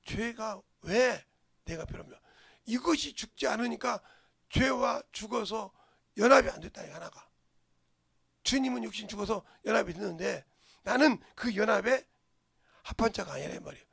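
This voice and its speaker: An older man preaching a sermon, emphatic, firing rhetorical questions and swinging between loud outbursts and murmurs. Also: high voice, vocal fry, breathy edge, dry recording, studio quality. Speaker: pastor.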